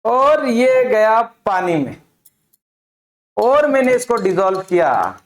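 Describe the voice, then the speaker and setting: A man's voice: high voice, sing-song, takes it slowly. A man teaching a chemistry lesson, asking his own questions and answering them, repeating key terms. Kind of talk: classroom lecture with demonstration. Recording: echoey room.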